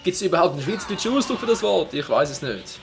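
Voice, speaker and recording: A man with a Swiss German accent giving excitable gameplay commentary as a let's player, exclaiming and swearing at the game. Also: on the high side, fast talker, vocal fry, over music.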